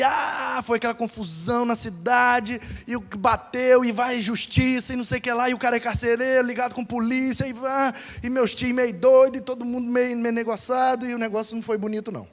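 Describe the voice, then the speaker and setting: A high-voiced male pastor from Brazil recounts a story from the pulpit, slipping into the voices of the people he describes. His voice rings out with a long church-hall reverb. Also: steady tone, fairly quick. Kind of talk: sermon storytelling.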